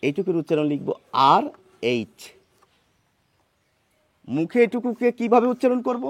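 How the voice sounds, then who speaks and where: Male teacher, high-pitched, patient and repetitive, dry close mic. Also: sing-song, dry recording. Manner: patient, explanatory, repeats sounds slowly. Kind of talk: whiteboard pronunciation lesson.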